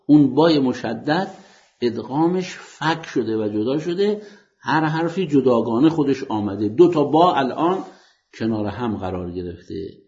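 A man's voice: mid-range voice, a little mellow, lo-fi sound. A man teaching Quranic grammar in a lecture, asking questions and answering them himself, with formal polite phrasing. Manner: explanatory, poses questions to listeners then answers them.

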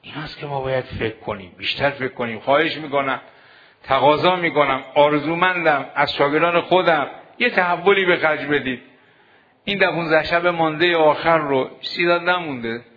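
A man preaching a sermon to seminary students, exhorting them with rhetorical questions. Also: fairly high pitch. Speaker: cleric teaching seminary students. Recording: dull lo-fi recording.

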